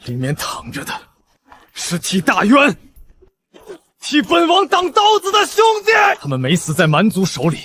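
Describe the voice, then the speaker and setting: Man playing an anguished, high-pitched warrior prince. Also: huge pitch swings, moderate pace, long pauses, a bit bright, full character voice. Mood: indignant. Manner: declamatory, impassioned, archaic formal speech. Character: anguished, devoted warrior prince commanding an ancient army. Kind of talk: historical drama acting.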